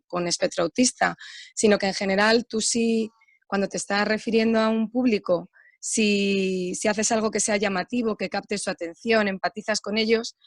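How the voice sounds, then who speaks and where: A woman who teaches gives an earnest, measured comment in an online workshop. Her voice sits at an everyday middle pitch. The recording is dry, with no room sound. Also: no echo.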